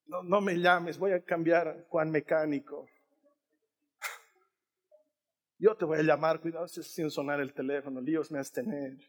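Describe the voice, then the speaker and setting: A man voicing a meek, apologetic old man who speaks softly, in a sermon with long reverb. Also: a little high, fairly even intonation, a little fast, voice pushed down, lightly acted. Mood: sheepish. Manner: soft-spoken, apologetic. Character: sheepish, meek old man breaking up gently. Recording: long reverb of a large hall.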